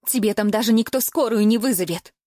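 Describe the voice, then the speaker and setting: A woman's voice: mid-range voice, brisk, darkish tone, no room sound, studio quality, natural voice. A woman voicing an anxious, overprotective middle-aged mother who scolds her daughter in an audiobook. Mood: scolding.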